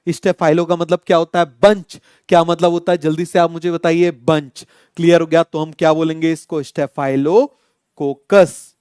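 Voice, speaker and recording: In an online exam-coaching biology lecture, a young man with an Indian accent quizzes his students through repeated call-and-answer questions, mixing in English terms. His voice is a little high with a darkish tone, captured clean and echo-free at studio quality.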